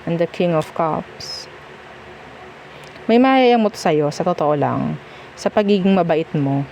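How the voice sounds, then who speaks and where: Chatty Filipina tarot reader, low voice. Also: female voice, animated, slow, vocal fry, darkish tone, a little hiss or hum. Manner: chatty, reassuring, mixes Tagalog and English, frequent "okay?". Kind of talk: casual tarot reading monologue.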